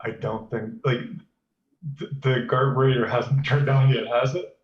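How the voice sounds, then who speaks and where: A man's voice: mid-range voice, steady tone, unhurried. A man playing a tabletop game, talking bluntly and casually with some swearing. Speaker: player. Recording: echoey, dull lo-fi mic.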